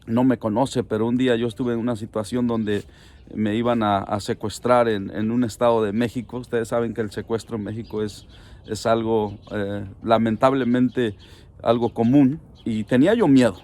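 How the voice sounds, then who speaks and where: An earnest middle-aged pastor, delivering a sermon. He talks straight to the listener in a pleading tone. His voice sits at an ordinary male pitch and rises when he presses a point. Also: steady tone, moderate pace, dark tone. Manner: earnest, pleading, speaks directly to the listener with rising emphasis.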